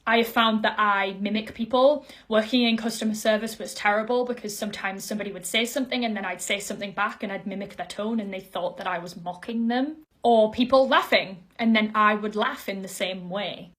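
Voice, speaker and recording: A young woman from Northeast England with a softened Geordie accent, talking casually and earnestly to camera as a vlogger, with quick asides. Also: mid-range voice.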